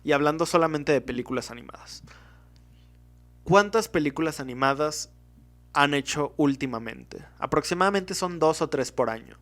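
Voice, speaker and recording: A man's voice: a little high, a bit bright. A man with a Mexican Spanish accent hosting a casual solo podcast, rambling and often stopping to correct himself. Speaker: podcast host.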